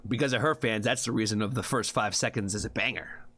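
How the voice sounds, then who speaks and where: Fairly low-pitched, fast, pushed and bright, with a husky edge and no room sound, a male streamer reacts to music. His talk is relaxed and meandering, full of fillers, swearing, and the habitual "you know what I mean?"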